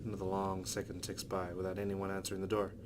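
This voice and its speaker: A deep-voiced man at a quick pace reads the narration of a visual novel, chiming in with casual reactions of his own. He's a let's play host, and the recording has steady, loud background noise.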